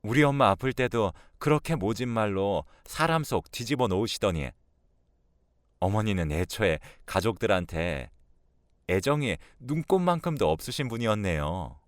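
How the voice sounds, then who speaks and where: A man voicing a sharp-tongued daughter-in-law who speaks in a cutting, sarcastic way in a radio drama. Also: fairly low pitch, expressive, moderate pace, no echo, studio quality, lightly acted.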